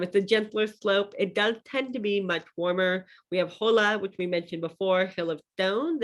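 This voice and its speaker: A young adult woman teaching an online wine class in a casual lecture style, with many fillers and restarts as she walks through slides. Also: on the low side. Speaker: wine educator.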